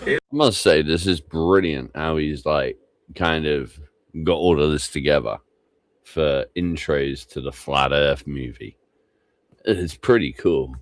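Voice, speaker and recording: A man's voice: a bass voice, takes it slowly, no echo. A tired man rambling and swearing casually as he streams live reaction commentary. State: tired, low energy.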